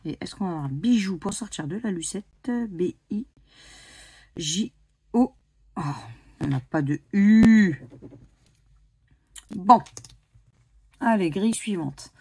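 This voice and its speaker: A woman's voice: medium pitch, expressive, unhurried, pauses often, warm tone, slight background noise. A woman from France chatting casually as she scratches lottery tickets, spelling out letters one by one with many hesitations. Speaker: scratch-card YouTuber. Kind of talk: casual commentary while playing scratch cards.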